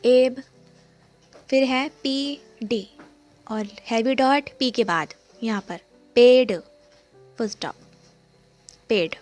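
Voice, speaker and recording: A woman's voice: fairly high pitch, very slow, long pauses, a little mellow, faint music behind. A woman teaching shorthand step by step, repeating each sound and asking and answering her own questions. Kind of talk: step-by-step lesson explanation.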